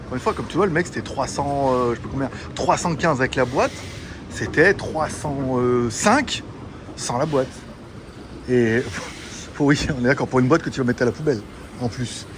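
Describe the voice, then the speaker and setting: A man's voice: mid-range voice, moderate pace. A man vlogging casually while walking through an electronics market, rambling, laughing often and swearing. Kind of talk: casual walk-and-talk vlog. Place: busy electronics market, indoors. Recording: noisy market ambience.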